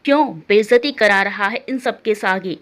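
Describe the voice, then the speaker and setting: A woman voicing a fierce young woman who shouts back in defiance. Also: medium pitch, normal speed, lightly acted. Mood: defiant.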